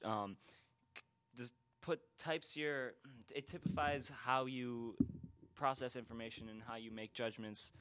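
A young man in a casual group chat, explaining things earnestly with halting restarts. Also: medium pitch, fairly even intonation, a bit bright, smooth. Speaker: podcast co-host.

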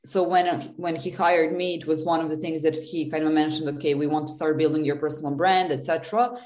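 A woman's voice: sits low, fairly even intonation, brisk, a little mellow. A woman from Serbia, answering interview questions earnestly with many fillers and restarts. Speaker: guest, business development lead. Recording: roomy echo.

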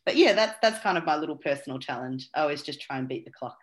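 A woman's voice: low-pitched, expressive, fast talker. A woman, an interview guest who talks casually with many fillers and restarts. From Australia. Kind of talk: conversational interview.

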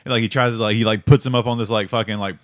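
A man talks quickly through a casual podcast chat, piling up fillers and swearing as he rambles through a story. His voice is dry and close to the mic, with little room sound around it. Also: fairly low pitch, steady tone, no echo. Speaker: podcast co-host.

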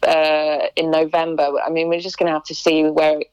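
A woman's voice: low voice, completely flat delivery, normal speed, a little mellow, smooth, no room sound, rough recording. A young woman musician chatting in an interview, hesitant, with many restarts and ums. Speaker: musician guest. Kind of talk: casual interview chat.

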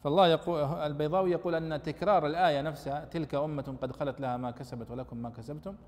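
A man leads a fast-paced lesson on scripture commentary, his voice a bit higher than most men's. He pushes hard with emphasis on the verses he quotes, and his voice carries a long hall reverb. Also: fairly even intonation, a little mellow. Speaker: teacher of Quran exegesis.

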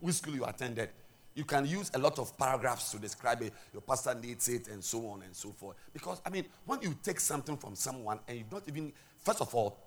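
With a mid-range voice and a Ghanaian accent, a man preaches as pastor. His sermon alternates between loud declarations and soft asides, with repeated words as he starts over.

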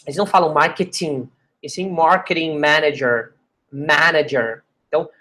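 A woman's voice: low voice, fairly bright tone. Woman teaching English phrases. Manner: repeats English phrases slowly and carefully, chatty asides. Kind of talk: explaining an online language lesson.

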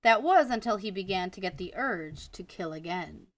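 A woman co-hosting a casual true-crime podcast reads the case from her notes in a Wisconsin accent, stumbling on a name here and there and laughing at herself. Her mid-range voice is expressive and moderately paced. The recording has no echo, with the mic far away.

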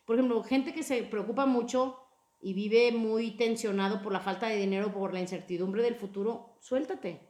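A woman hosting a casual podcast chat about emotions, talking in an expressive, playful way. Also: on the high side, moderate pace, echoey room. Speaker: podcast host.

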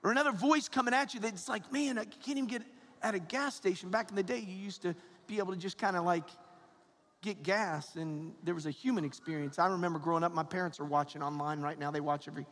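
Male American priest, high-pitched, casual halting homily style, long reverberant church sound. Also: fairly bright tone. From Georgia, United States. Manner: informal, halting phrasing with repetitions and rhetorical asides. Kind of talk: conversational homily.

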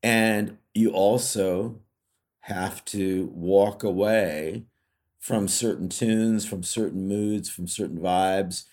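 Speaking slowly in a low, steady, darkish voice, this middle-aged man from California co-hosts a podcast. His talk is relaxed and reflective, with plenty of fillers and false starts.

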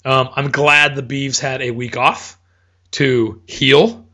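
This podcast host is a man with a medium-pitched, level voice that sounds bright and forceful, and he talks slowly. In a casual sports chat he rambles, corrects himself often and hiccups along the way.

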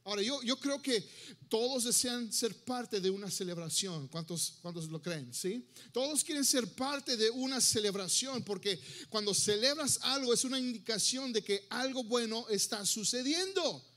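A man preaching a sermon in a church, animated, dropping into English and acting out little everyday scenes. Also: very high voice, moderate pace. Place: church sanctuary.

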